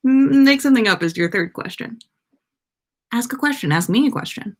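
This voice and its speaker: An American woman with a slightly high, expressive voice hosts a casual podcast livestream, talking fairly quickly. She chats with viewers playfully and rambles as she goes.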